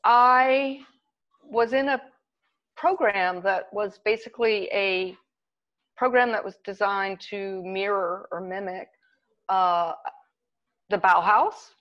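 A woman artist answering interview questions in a measured, conversational way, with small laughs. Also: mid-range voice, steady tone, lo-fi sound.

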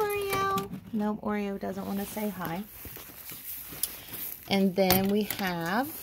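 Out among her animals, a woman films a relaxed walk around her farm on her phone, chatting away and cooing to them while admitting uncertainty about breeds. She speaks at a medium pitch, and there's background noise.

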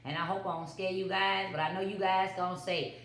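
A woman's voice: medium pitch, steady tone, fairly quick, fairly bright tone, a little hiss or hum. Chatty woman vlogging in an echoey kitchen. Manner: chatty, repeats catchphrases to viewers. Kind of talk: casual home cooking vlog. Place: home kitchen. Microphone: built-in phone mic on the counter.

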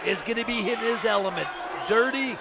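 A man's voice: high voice, a little fast, vocal fry. A man giving emphatic, conversational color commentary as a wrestling commentator, often repeating his phrases. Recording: loud crowd and noise in hall.

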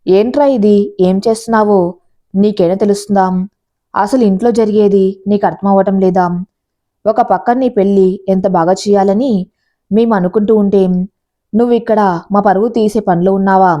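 A woman's voice: mid-range voice, fairly even intonation, moderate pace, natural voice. A woman voicing a stern middle-aged father who scolds his daughter. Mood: angry. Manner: shouting and scolding.

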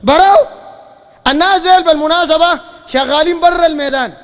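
A man with a Sudanese Arabic accent giving a fiery religious lecture, firing rhetorical questions and breaking into shouts. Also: extremely high pitch, fast talker. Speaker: preacher. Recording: long hall reverb.

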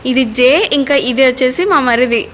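A woman's voice: high-pitched, fairly even intonation, brisk, fairly bright tone, a little hiss or hum. A young adult woman chatting casually in a family vlog, reminiscing with playful asides. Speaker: family vlogger.

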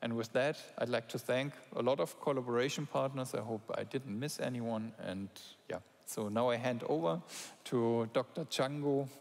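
Middle-aged man, conference speaker, calm explanatory delivery, mid pitch, large echoing hall. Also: moderate pace, vocal fry. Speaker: conference presenter. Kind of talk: scientific conference talk. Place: large lecture hall, standing on stage. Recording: long hall reverb.

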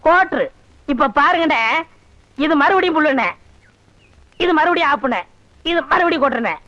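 An actor playing a naive village simpleton who keeps asking silly questions in a film comedy. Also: male voice, very high-pitched, lively intonation, normal speed, bright, forceful tone, no room sound, exaggerated voice. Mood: curious. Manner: childish pestering questions. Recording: dull lo-fi film soundtrack.

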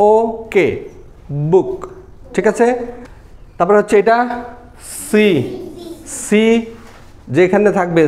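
A man with a Bangladeshi Bengali accent leads a classroom phonics lesson. His voice sits high for a man. He keeps asking the pupils questions and says each sound over and over. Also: a little mellow, a little hiss or hum. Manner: asks pupils questions, repeats sounds slowly. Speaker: teacher.

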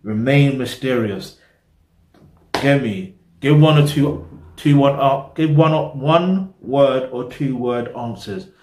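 A man's voice: medium pitch, slow pace, darkish tone, slight background noise. Rambling young man, roomy echo. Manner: rambling, loses his train of thought, repeats "get me". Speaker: reaction video host. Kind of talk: casual commentary to camera. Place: small room indoors.

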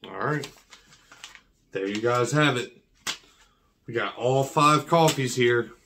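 A man's voice: mid-range voice, slow, bright, forceful tone. Man with whistling s, casual unboxing chat. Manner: slangy, repeats himself. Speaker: coffee review vlogger. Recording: clear background noise and clicks.

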